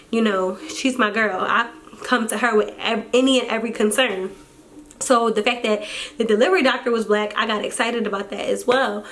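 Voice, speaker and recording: A young woman with a fairly high voice tells a story in a casual vlog, sounding animated and fed up as she acts out other people's words.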